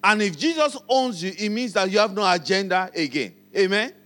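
A man's voice: high-pitched, lively intonation, a little fast, sharp tone. A man with a Nigerian accent preaching a sermon as pastor, repeating key phrases and calling on the congregation to respond.

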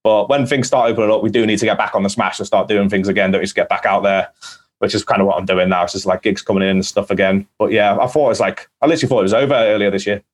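A man's voice: fairly low pitch, fairly even intonation, racing. A man, a music producer guest in a podcast, chatting casually and filling his talk with "like". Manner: chatty, full of "like" fillers. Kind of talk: casual conversation.

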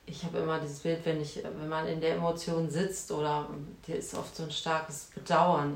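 Interviewer voice, mid pitch, thinking out loud, kinda echoey room. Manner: searching, thinking aloud with fillers. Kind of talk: conversational interview.

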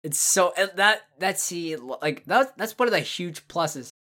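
Low-voiced woman, rambling podcast co-host. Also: lively intonation, measured pace, a bit bright. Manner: rambling, enthusiastic retelling with many fillers and restarts. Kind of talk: casual podcast chat about horror films.

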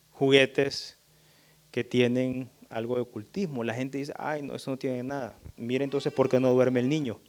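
A middle-aged man giving an emphatic, sermon-style talk on parenting, addressing the audience directly and jumping into high voices when he imitates children. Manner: animated, jumps up high when voicing children. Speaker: church speaker on parenting.

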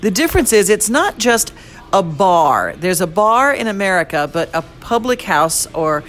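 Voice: mid-range voice, big pitch swings, normal speed, fairly bright tone. An interviewer telling stories and asking casual questions. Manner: chatty, storytelling.

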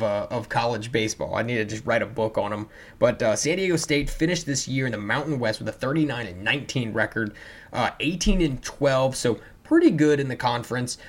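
A man co-hosting a sports podcast, talking in a loose, chatty way with fillers and restarts. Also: mid-range voice. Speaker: podcast co-host. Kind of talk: casual sports podcast chat.

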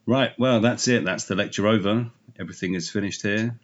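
A man's voice: fairly low pitch, brisk, muffled recording, close to an everyday voice. A man playing a drunk, bumbling older male university lecturer in an improvised comedy sketch, rambling and evasive. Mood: bumbling, boozy.

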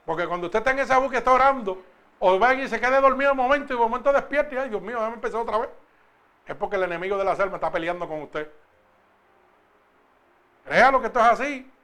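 Preacher guy, really high bright voice, chatty with the church, slows way down for scripture. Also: animated, clear, resonant tone. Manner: conversational preaching, asks the congregation questions; slow, emphatic when reading scripture. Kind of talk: sermon.

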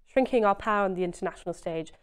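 A woman's voice: mid-range voice, very fast, clear, resonant tone. A woman, speaking earnestly and emphatically as a guest in a conversational interview, often saying "you know". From Essex, England. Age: 20s.

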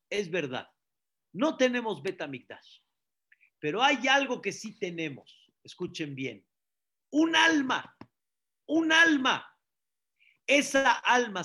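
A rabbi preaching a sermon, repeating phrases and asking the listeners questions. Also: male voice, high voice, sharp tone. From Mexico. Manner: preaching with repetitions and rhetorical questions.

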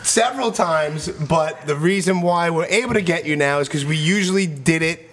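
A man's voice: fairly high pitch, normal speed, fairly bright tone, slight background noise. A man co-hosting a podcast in casual, colloquial chat. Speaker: podcast co-host.

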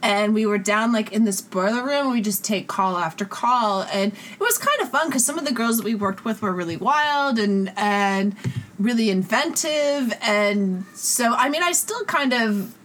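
High-voiced woman telling a story. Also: lively intonation, normal speed, fairly bright tone, a little hiss or hum. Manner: laughs often while telling a story. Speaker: podcast co-host. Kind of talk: casual chat.

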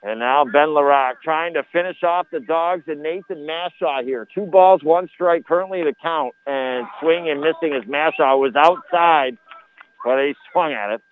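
A man calling a live high school baseball game on radio, with a folksy, colourful turn of phrase. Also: normal speed, clean tone, low-quality recording. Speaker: baseball play-by-play announcer. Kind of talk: live radio sports commentary. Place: broadcast booth at ball game.

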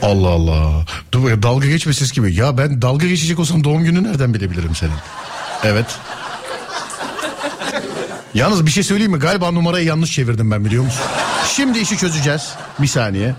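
A man's voice: mid-range voice, big pitch swings, quick pace, noisy background. Playful laughing male radio host. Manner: playful, teasing, laughs often. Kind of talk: live radio call-in chat.

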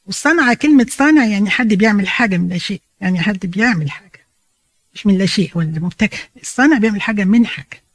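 A woman with an Egyptian Arabic accent teaches a Bible lesson at a quick clip, her explanations chatty and peppered with English phrases. The recording is dry and close, with no room sound. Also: medium pitch, lively intonation, no echo.

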